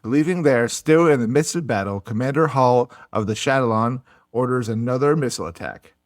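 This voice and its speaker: A man's voice: mid-range voice, brisk, no room sound, studio quality. A man co-hosting a casual podcast, narrating a history story and breaking into jokes and laughter. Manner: laughs often, jokey asides.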